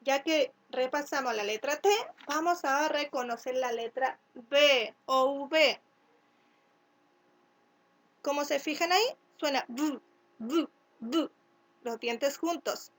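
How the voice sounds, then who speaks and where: A woman from Chile gives a recorded lesson to first graders. Her voice sits high, and she talks at an unhurried pace. She sounds out each letter and syllable carefully and keeps checking that the children follow. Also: a bit bright. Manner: asks "¿cierto?" to check along. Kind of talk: recorded remote class instructions.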